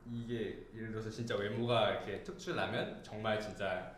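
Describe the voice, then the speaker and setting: A man's voice: lowish voice, fairly even intonation, moderate pace, reverberant, a little hiss or hum. A man hosting a casual student radio talk show, musing aloud and often laughing between remarks. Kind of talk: casual chat.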